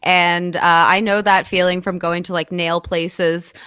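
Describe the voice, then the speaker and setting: A young woman co-hosting a weekend radio show, telling stories in relaxed, casual banter and laughing often. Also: lowish voice, unhurried, smooth, dry recording, studio quality. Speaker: radio co-host.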